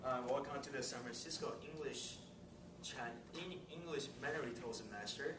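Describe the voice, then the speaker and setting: At a club meeting, a man with a mid-range voice runs through announcements at a moderate pace, friendly and chatty, laughing between remarks. The meeting room sounds roomy, with a distant mic and loud background noise.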